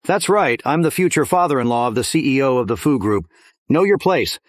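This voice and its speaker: A man's voice: mid-range voice, lively intonation, brisk, no room sound, close to an everyday voice. A man dubbing a bossy, status-obsessed middle-aged father, recorded dry in a studio. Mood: blustering. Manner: blustering, bossy. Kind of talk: English drama dub.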